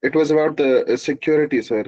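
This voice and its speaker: A man's voice: on the high side, quick pace, mellow, dry recording. A man from Kashmir with a Kashmiri accent, politely and deferentially asking questions as a participant in an online session. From Kashmir, India. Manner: courteous, deferential. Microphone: online call microphone. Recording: dull lo-fi online call audio.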